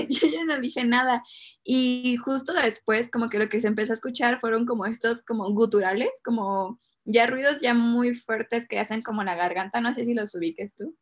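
A young woman with a Mexican Spanish accent, chatting casually. Her voice sits a little high, and she talks haltingly, packing in fillers and nervous little laughs. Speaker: guest telling a personal story. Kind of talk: casual chat.

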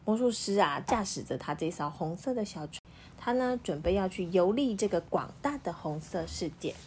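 A mother reads a picture book aloud at home in a middle-pitched, lively voice, stopping often to quiz her child about the story. Faint background noise sits under the voice. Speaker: parent reading to her child.

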